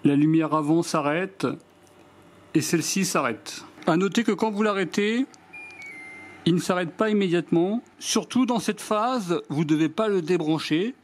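A French man calmly walking through a product test off camera, reading out measurements one by one in a matter-of-fact way. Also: sits high, moderate pace. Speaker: DIY product reviewer. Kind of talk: hands-on product demonstration voice-over.

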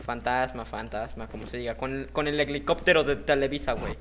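A young Mexican man narrates his gameplay in an excitable, joking way, full of slang and asides to his viewers. His voice sits at a middle pitch. A clear hiss of noise runs under the home mic. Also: fairly quick. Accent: Mexican Spanish. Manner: excitable, jokey, slangy, talks to himself and his audience. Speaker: gaming youtuber. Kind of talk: casual let's-play commentary.

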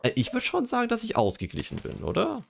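This young male streamer's voice is gravelly and extremely high, swooping wildly in pitch, and he talks fast. He jokes and chats casually on his livestream while reading quiz questions aloud and considering his answers.

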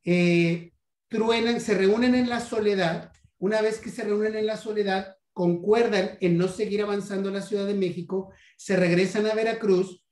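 Mexican man, history lecture, halting delivery with repeated words, roomy reverberant sound. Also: sits high, a little mellow. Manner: halting, many repeats and "este" fillers. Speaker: guest numismatics lecturer. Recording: roomy echo.

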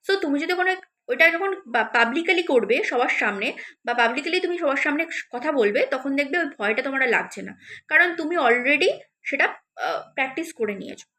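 Female tutor, bright forceful tone, coaches students directly, hesitant fillers. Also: sits high, lively intonation, a little fast. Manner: encouraging, addresses viewers directly with many fillers. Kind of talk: spoken advice lesson to students.

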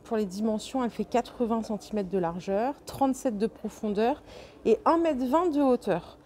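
Woman doing a store walkthrough vlog, slightly high, mellow voice, chatty and excited, faint shop hum behind. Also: normal speed. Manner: chatty, enthusiastic, lists prices and sizes with fillers. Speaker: shopping vlogger. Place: inside a large furniture store. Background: faint store ambience.

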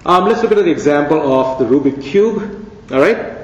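Captured from afar in a big conference hall, the recording sounds dull and echoey. The keynote speaker, a man with a fairly high, expressive voice at normal speed, keeps things conversational and playful, tossing out rhetorical questions.

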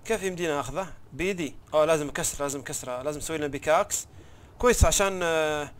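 Fast-talking young man doing gameplay commentary. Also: on the high side, fairly bright tone, a little hiss or hum. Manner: chatty, thinks aloud, trails off mid-word. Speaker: gaming YouTuber.

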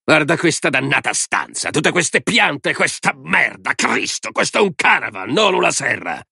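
A man voicing a drunk, crude man who taunts with drawn-out, sneering words. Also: a little high, sing-song, gravelly, pushed and bright, slightly rough, no echo, clean studio sound, pitched above the performer's own voice, full character voice. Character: drunk, crude, mocking man, hostile stepfather type.

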